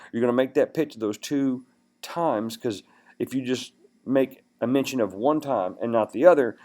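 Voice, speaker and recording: A man's voice: medium pitch, darkish tone. A man giving a sales training presentation in a conversational way, with many fillers and restarts, now and then acting out upbeat phone greetings.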